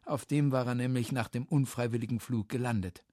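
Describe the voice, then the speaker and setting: Man, storybook narrator, husky voice, lively expressive reading. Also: mid-range voice, brisk, no echo, studio quality.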